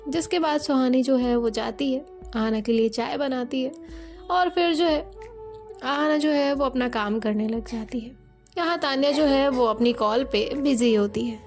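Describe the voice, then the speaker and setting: A woman narrates a romance story in a loose, chatty way, leaning on the same fillers again and again. Her voice sits a bit high, with soft music running behind her. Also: normal speed.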